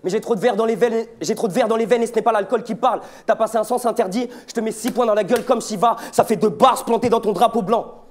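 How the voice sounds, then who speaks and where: Rapping fast in a high register, a young man from Belgium throws out taunting battle verses a cappella. The delivery is aggressive and punchy, typical of a battle rapper going after an opponent.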